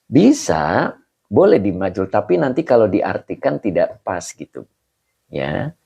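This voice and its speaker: Man, religious teacher, video call lesson, gravelly, dark tone, patient explaining. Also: lowish voice, sing-song, measured pace, dull audio. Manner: patient explaining, answering students by name, chuckles. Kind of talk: online Arabic grammar lesson.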